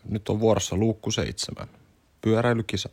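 A man reading a children's picture book aloud in a calm, steady, soft-spoken way. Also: lowish voice, gravelly, a little hiss or hum. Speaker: storybook reader.

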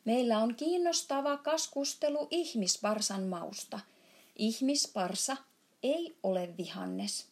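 In this storybook reading, the big friendly giant, played by a woman, booms along with lively intonation and a breathy edge. He's good-natured but muddled, tangling his grammar, stumbling over words, and suddenly shouting.

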